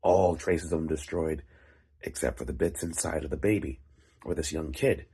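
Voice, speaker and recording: A man with a very low, husky voice tells a story off the cuff. His tone is dark and mellow, with a phlegmy rasp. He speaks casually in short, halting phrases, pausing as he builds the tale. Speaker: writer and vlog host. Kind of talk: casual rambling storytelling monologue.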